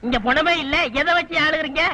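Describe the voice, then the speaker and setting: A bickering hapless comic. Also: male voice, very high voice, a little fast, sharp tone, exaggerated voice. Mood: indignant. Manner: indignant and bickering. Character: hapless man mistaken for a corpse. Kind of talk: 1990s film comedy acting.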